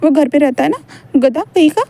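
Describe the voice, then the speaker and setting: A woman's voice: sits high, expressive, brisk, gravelly, mellow. A woman voicing a clingy little boy who cries and stammers. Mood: eager. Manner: sobbing, stammering protests.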